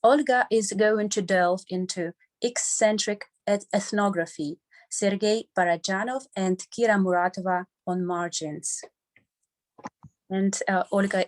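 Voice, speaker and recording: A woman's voice: mid-range voice, a little slow. Woman chairing a panel, introducing a speaker.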